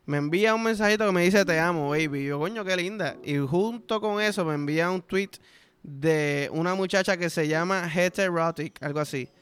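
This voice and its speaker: A man's voice: high voice, normal speed, clear, resonant tone, dry recording. A man in his thirties with a Puerto Rican accent, hosting a podcast and telling crude jokes in casual solo chat. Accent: Puerto Rican Spanish. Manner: crude, joking, animated storytelling. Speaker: podcast host.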